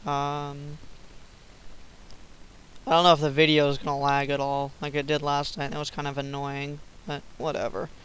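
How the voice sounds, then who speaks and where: A young man giving casual, silly commentary over his own gameplay, swearing often and breaking into yells. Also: a little high, completely flat delivery, moderate pace, pauses often, clear, resonant tone, rough recording. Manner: swearing, silly, bursts of yelling. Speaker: gamer recording gameplay.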